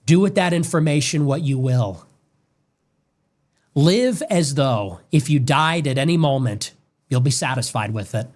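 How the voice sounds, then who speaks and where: A political commentator with a medium-pitched, somewhat dark voice speaks a little slowly, delivering a grave monologue on death and faith in a preacherly cadence full of long lists. The clip is played back from an original stream.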